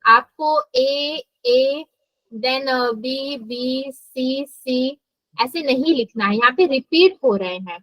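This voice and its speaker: A woman's voice: sits high, extremely slow, fairly bright tone, no room sound, rough recording. A young woman teaching a live math class, mixing English terms into her explanations and checking in with students. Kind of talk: live online class lecture.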